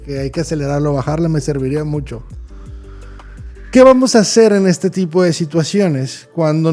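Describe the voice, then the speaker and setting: A man, talking fast and animatedly as host of a psychology talk, full of vivid examples. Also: fairly high pitch, dark tone.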